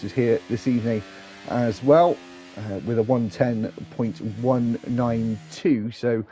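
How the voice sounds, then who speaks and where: Relaxed, mellow male racing commentator. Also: lowish voice, slight background noise. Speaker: host and lead commentator. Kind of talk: live esports racing commentary.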